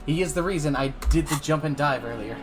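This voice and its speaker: A man's voice: on the high side, fast talker. A man streaming a video game live, chatting in a loose, playful way and swearing often while he drinks. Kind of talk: casual live gameplay commentary. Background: game music.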